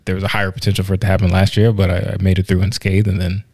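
A man's voice: sits low, completely flat delivery, rapid-fire, a little mellow, no room sound. A man co-hosting a podcast in casual chat, talkative, laughing easily and restarting his sentences often. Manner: chatty, laughs easily, many restarts and fillers. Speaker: podcast co-host.

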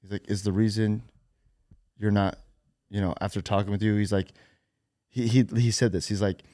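Low-voiced young man hosting a podcast. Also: normal speed, no echo, clean studio sound. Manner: relaxed, conversational, questioning, reenacts exchanges. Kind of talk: casual conversation. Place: dark podcast studio. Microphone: studio boom mic with headphones.

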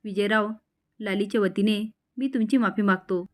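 A woman's voice: medium pitch, fairly even intonation, normal speed, lightly acted. Stern elder brother, commanding, woman narrator voicing him.

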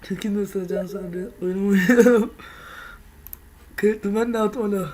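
A woman's voice: mid-range voice, fairly even intonation, normal speed, a little mellow. A woman hosting a gaming video, chatting casually with slang and frequent laughter as she teases others. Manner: laughing often, slangy and teasing.

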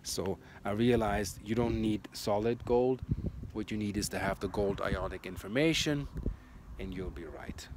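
A man telling a personal spiritual story in a casual monologue, soft-spoken and drifting into hushed asides. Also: fairly low pitch, noisy background. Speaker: spiritual channel host.

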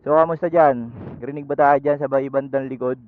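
While on his motorcycle, a motovlogger delivers a chatty how-to vlog through his helmet intercom, his medium-pitched voice steady and brisk. The delivery wanders and leans on fillers, and the outdoor recording has the dull, lo-fi sound of an intercom.

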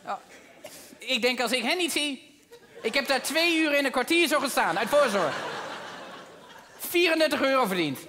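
A man performing a stand-up comedy routine, telling stories about himself with self-mocking, animated delivery. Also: very high-pitched, moderate pace, long pauses, a faint crowd. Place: theater stage. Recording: live theater hall reverb, faint noise.

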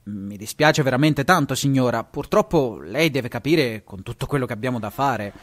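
A man reading a story aloud, voicing a flustered young policeman who talks in a hurried, apologetic way. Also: mid-range voice, expressive, natural voice.

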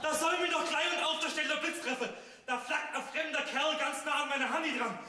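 An actor with a Swabian accent playing an excitable, jealous man in a stage folk comedy. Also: high-pitched, measured pace, exaggerated voice. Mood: panicked. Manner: agitated, ranting, theatrical outbursts. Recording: roomy stage sound from a distance.

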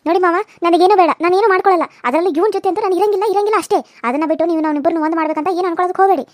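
Cartoon bride voiced by a woman: stubborn, sharp-tongued young wife, very high and rapid, North Karnataka Kannada accent. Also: no room sound. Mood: resentful. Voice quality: sharp, quick retorts. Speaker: voice actor. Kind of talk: cartoon serial voice acting.

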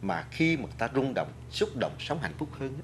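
Animated male guest lecturing earnestly. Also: medium pitch, moderate pace, slight background noise. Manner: earnest, lecturing, addresses the audience; many restarts and filler words. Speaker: guest speaker on food and culture. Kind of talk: studio talk show discussion.

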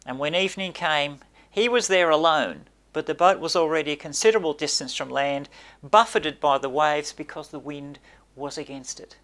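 An older pastor delivers a sermon in a small church, speaking to a camera. He preaches emphatically and gestures a lot, rising on key words and sinking his voice low at the close of each point. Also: moderate pace, a bit bright. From Australia. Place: small indoor church space by a brick wall.

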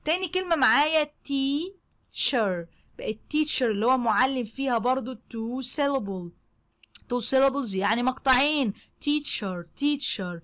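Young Egyptian woman, English teacher for children, slightly high voice, says words slowly twice and then explains them fast. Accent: Egyptian Arabic. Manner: repeats each word slowly twice, then explains quickly. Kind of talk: classroom explanation.

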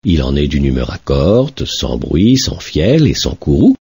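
A man reads a classic fairy tale aloud as narrator, with expressive storytelling. His pitch sweeps widely, and his voice is dark and husky. The recording is dry and close. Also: unhurried, no echo.

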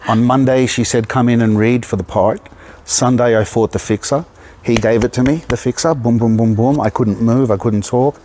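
A man in his fifties from Australia, an actor telling stories in a relaxed outdoor interview with a lapel mic. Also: mid-range voice, moderate pace, slight background noise. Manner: relaxed storytelling, laughs often. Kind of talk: casual interview. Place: outdoor garden.

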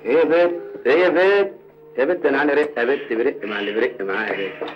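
An actor playing a fast-talking Cairo joker. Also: male voice, mid-range voice, muffled recording, lightly acted. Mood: tipsy grumbling. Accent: Egyptian Arabic. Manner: comic, rapid, streetwise banter. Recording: echoey film sound, mic far off.

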